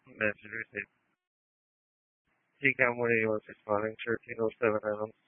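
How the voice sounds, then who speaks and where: A man's voice: lowish voice, flat delivery, normal speed, dry recording. A man on an ambulance crew making terse, formulaic procedural calls over a two-way radio. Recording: narrowband mobile two-way radio.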